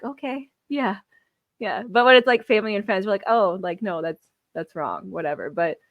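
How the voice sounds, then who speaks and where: A woman co-hosting a casual podcast, giggly and informal, with vocal fry and frequent use of "like". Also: mid-range voice, no echo, dull audio. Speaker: podcast co-host.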